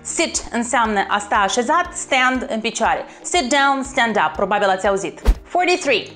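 Woman, online English teacher, bright and higher-pitched, encouraging, clear drilling, light music behind. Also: lively intonation. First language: Romanian. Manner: upbeat, encouraging, repeats words slowly and clearly. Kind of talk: online language lesson.

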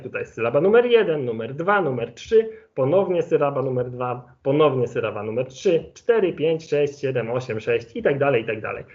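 A man giving an online lecture with slides as an ornithologist, explaining in a relaxed way and thinking aloud with fillers. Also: on the high side. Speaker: ornithologist giving a webinar presentation. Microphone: video call. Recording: lo-fi video call audio.

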